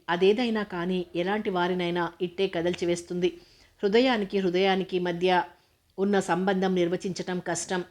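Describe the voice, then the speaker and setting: A woman narrating a novel as an audiobook reader, in a steady, even reading. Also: on the low side.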